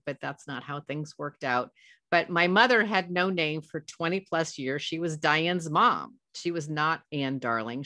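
Low-voiced woman presenting on a headset. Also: a bit bright, no room sound, clean studio sound. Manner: conversational, anecdotal, self-corrects often. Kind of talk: professional development webinar talk.

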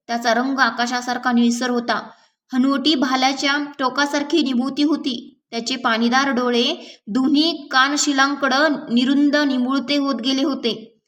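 A woman reading a novel aloud in a measured, gentle storytelling manner. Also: sits high, far from the mic. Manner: measured, gentle storytelling with small slips and restarts. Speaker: audiobook reader.

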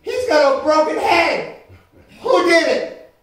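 A man preaching a sermon as pastor, moving between quiet talk and shouted preaching. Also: very high voice, animated, takes it slowly. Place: church. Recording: echoey church room, mic far off.

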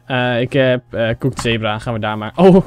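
A young man from the Netherlands with a sore throat, giving excitable casual commentary over a game and talking straight to his viewers. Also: medium pitch, normal speed, faint music behind. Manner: excitable, mixes English phrases, talks to viewers as 'jongens'. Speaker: gaming YouTuber. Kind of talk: casual Let's Play commentary.

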